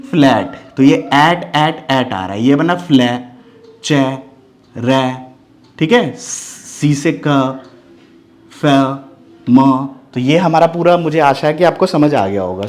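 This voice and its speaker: Man, phonics teacher, slightly high voice, spells words out slowly, answers his own questions. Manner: spells words letter by letter, then repeats them; asks questions and answers them himself. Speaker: English teacher. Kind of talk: phonics lesson.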